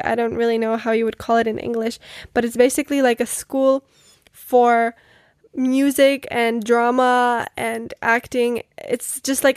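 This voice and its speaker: A woman's voice: a little high, no echo, clean studio sound. A young woman from the Czech Republic, a native Czech speaker, hosting her own podcast and chatting earnestly about her life, with lots of "like" and "you know". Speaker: podcast host. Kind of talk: casual solo podcast storytelling.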